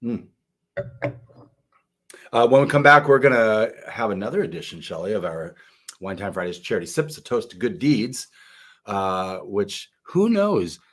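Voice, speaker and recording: A middle-aged man hosts a relaxed wine podcast. He speaks in a fairly low voice, chatty and halting, with lots of fillers as he gathers his thoughts. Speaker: podcast co-host. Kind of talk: casual wine-tasting chat.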